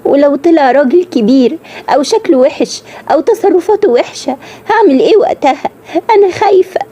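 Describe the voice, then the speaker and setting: A woman's voice: high voice, expressive, a little fast, warm tone. A woman voicing frightened young Egyptian sisters. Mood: anxious. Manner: pleading, anxious. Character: frightened young sisters, nineteen-year-old girls.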